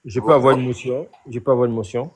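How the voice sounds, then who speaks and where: A man's voice: mid-range voice, fairly even intonation, quick pace, slightly rough. A man taking part in a live online debate who keeps interrupting, repeating "wait" to hold the floor. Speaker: debate participant.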